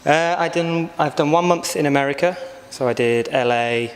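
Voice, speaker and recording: A man, giving reflective, hesitant interview answers. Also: on the high side. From England. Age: 20s. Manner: reflective, unhurried, hesitant with many fillers. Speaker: backpacker interviewee. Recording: long hall reverb.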